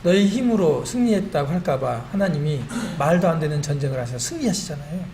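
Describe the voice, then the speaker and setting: A middle-aged man giving a church testimony, animated and self-deprecating, recorded in a church meeting hall. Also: on the high side, fast talker. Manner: animated and self-deprecating, quotes his own prayers. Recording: echoey hall with faint room noise.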